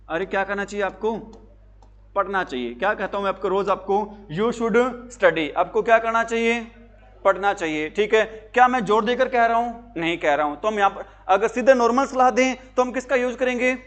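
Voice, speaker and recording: A man's voice: high voice, fairly bright tone. A male teacher giving a classroom lecture, asking questions and answering them himself. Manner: asks questions and answers them himself, repeats key words.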